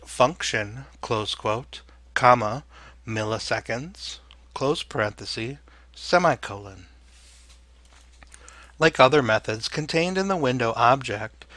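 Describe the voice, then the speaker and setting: Male tutorial narrator, crisp bright edge, dictating manner with clearly parted phrases, very dry close recording. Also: mid-range voice, dry recording. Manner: dictating code symbol by symbol, in separated phrases. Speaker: software tutorial instructor.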